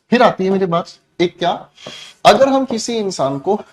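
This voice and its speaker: A man teaching a classroom lesson, explaining with loud shouted example commands and calling the students "beta". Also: sits high, lively intonation, unhurried.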